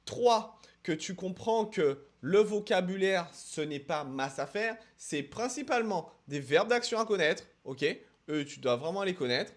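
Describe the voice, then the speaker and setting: A man's voice: high voice, expressive. A man from France teaching English in a casual video lesson, emphatic, repeating words for stress and talking straight to the viewer. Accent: French accent when speaking English. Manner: addresses viewer directly with quick asides.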